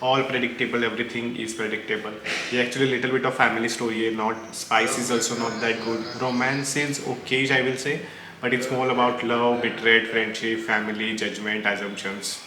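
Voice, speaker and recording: A man with an Indian accent reacts to book recommendations, chatting casually and opinionatedly while rambling and mixing in Hindi. His mid-range voice shows little pitch movement and runs a little fast. The space is echoey, with clear background noise.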